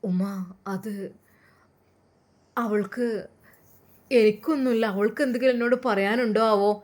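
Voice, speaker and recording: A gentle young man, worried and halting, as a woman puts him on with a lowered voice. He speaks quietly and unsurely in this storybook tale. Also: steady tone, natural voice.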